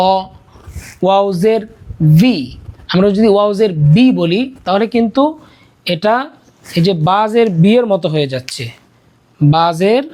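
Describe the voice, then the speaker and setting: A teacher leading a Quran reading lesson, chanting letter and vowel drills in a steady rhythm and then briefly explaining how to say them. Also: medium pitch. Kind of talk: slow drilled recitation lesson.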